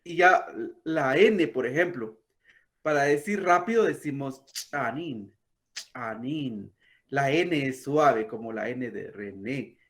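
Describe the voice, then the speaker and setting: Slow, patient man teaching. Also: mid-range voice. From Guatemala. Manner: patient, demonstrates soft throaty sounds. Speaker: language teacher. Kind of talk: explanatory talk.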